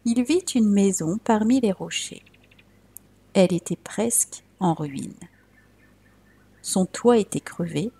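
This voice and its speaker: A woman narrating a fairy tale aloud, softly, at times dropping to a whisper. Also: mid-range voice, husky. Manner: slow, soft, dropping to whispers. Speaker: storyteller.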